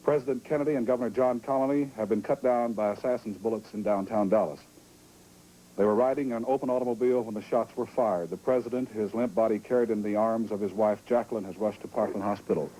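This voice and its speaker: A man's voice: fairly low pitch, fairly even intonation, fast talker, dark tone, slight background noise, rough recording. A man anchoring a live breaking-news broadcast, out of breath and urgent as he reads a wire bulletin.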